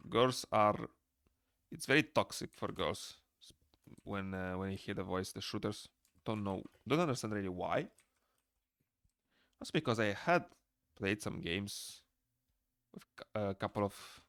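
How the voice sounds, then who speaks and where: A young man from Moldova, Romanian-speaking by birth and with a Moldovan accent, draws on a live stream and casually rambles through his viewers' messages, reading each aloud and answering. His voice is lowish and a bit bright, with vocal fry. Recorded in a small room indoors, the audio is clean studio sound without echo.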